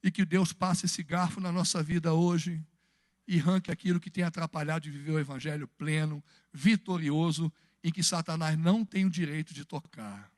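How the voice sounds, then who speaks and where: High-voiced Brazilian pastor preaching. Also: male voice, steady tone, moderate pace, a little mellow, dry recording, studio quality. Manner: fervent preaching mixed with humorous personal anecdotes. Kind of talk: sermon. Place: church, Sunday evening service.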